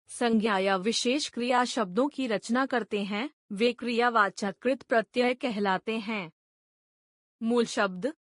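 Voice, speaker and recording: A woman reading a grammar lesson aloud, going through word lists one item at a time in a measured, deliberate way. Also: on the high side, fairly bright tone, no echo, studio quality. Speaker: grammar teacher.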